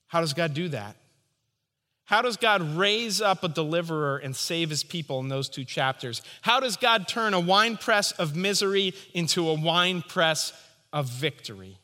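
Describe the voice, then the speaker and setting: A man's voice: on the high side, lively intonation, moderate pace, sharp tone, big-room sound. A man preaching a sermon, emphatic and rising and falling for stress. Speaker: pastor.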